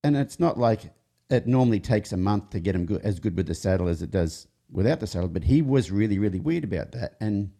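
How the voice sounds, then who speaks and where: A horse trainer and show host with a lowish, gravelly, warm voice and a breathy edge talks briskly with lively intonation. In casual conversational storytelling, he rambles through jokey horse-training anecdotes, often interrupting himself and restarting sentences.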